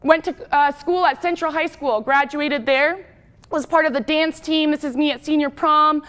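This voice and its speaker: A young woman from Wyoming giving a personal testimony speech, talking fast and chatty. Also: high-pitched, fairly even intonation, fairly bright tone. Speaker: speaker.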